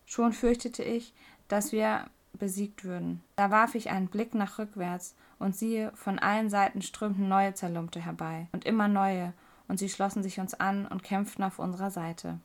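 Brief: female storyteller, measured and dramatic, gravelly texture. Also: mid-range voice. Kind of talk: reading a fairy tale aloud.

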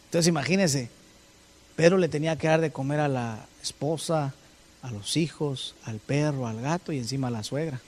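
A man preaching a sermon, firing rhetorical questions at his congregation and swinging between loud and soft. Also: on the high side, moderate pace. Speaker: pastor.

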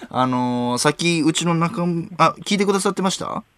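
Brisk Kansai man hosting late-night radio. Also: on the high side, lively intonation, a bit bright, smooth, no echo. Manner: brisk, MC-like, laughs often. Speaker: radio host.

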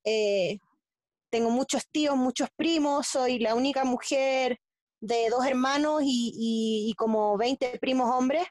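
A Chilean woman with a fairly high voice talks as a guest in a casual interview. She speaks haltingly, with frequent fillers and restarts. The sound is dry and close, with almost no room echo. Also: darkish tone. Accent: Chilean Spanish. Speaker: guest athlete.

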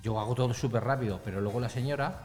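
A man's voice: mid-range voice, quick pace, darkish tone, in a large hall, soft background music. A man from Spain co-hosting a comedic podcast, rambling in an easygoing way about his week. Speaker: podcast co-host.

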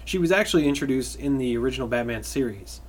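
A man's voice: medium pitch, animated, fast talker. A man talks through a loose podcast chat in an ordinary mid-range voice, blunt and opinionated, swearing freely as he goes. A faint hiss of noise sits under the recording. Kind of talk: casual chat.

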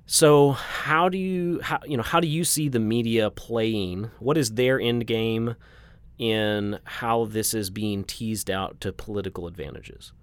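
A man's voice: on the low side, unhurried, smooth, no room sound. A man hosting a casual conversation in a wry, winding way, with plenty of fillers.

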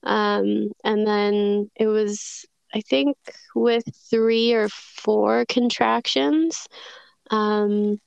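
A woman's voice: mid-range voice, fairly even intonation, very slow, vocal fry, a little mellow, clear, resonant tone, no room sound, lo-fi sound. A woman being interviewed, telling a personal story in a reflective, hesitant way with many fillers and restarts. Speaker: guest.

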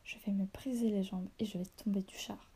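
A woman reading aloud voicing a young girl caught up in a battle, speaking in a hushed, half-whispered way. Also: mid-range voice, fairly even intonation, a little fast, slightly rough. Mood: frightened.

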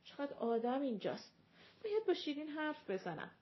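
A woman's voice: high voice, very animated, lo-fi sound, pitched above the performer's own voice. A woman voicing a restless young woman who makes dry, wry remarks, in an audiobook reading.

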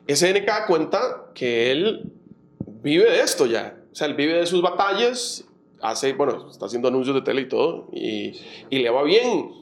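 A man, hosting a casual interview in a measured, conversational way. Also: a little high, very animated. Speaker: host.

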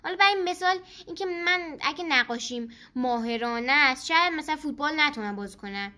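Gentle woman narrator, high bright voice, for a children's bedtime tale. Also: lively intonation. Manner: gentle, addressing children directly. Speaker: storyteller, podcast host.

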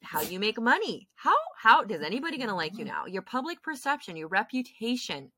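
A woman co-hosting a podcast in casual chat, expressive and opinionated, often correcting herself as she goes. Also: mid-range voice, a little fast, no room sound. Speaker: podcast co-host.

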